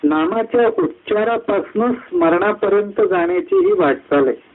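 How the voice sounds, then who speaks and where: A man giving a devotional discourse at a satsang, climbing high through lists of words and slowing down on key phrases. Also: lively intonation. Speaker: satsang speaker. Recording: tinny phone-like line.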